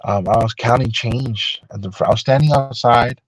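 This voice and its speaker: A man telling a personal story on a live stream in a rambling, unhurried way, full of fillers and restarts. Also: medium pitch, dry recording, rough recording.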